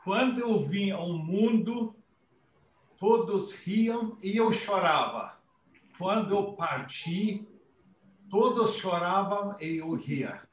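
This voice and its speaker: A man in the audience reciting a quote and commenting in a slow, deliberate way on a video call. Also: high-pitched, animated, reverberant, low-quality recording. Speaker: audience member. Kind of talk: quoting and commenting.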